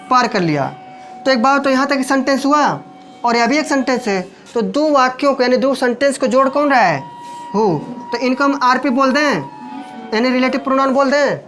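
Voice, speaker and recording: A man teaching English grammar in with a lilt, who keeps checking the class with quick questions. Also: very high voice, a bit bright, low-quality recording.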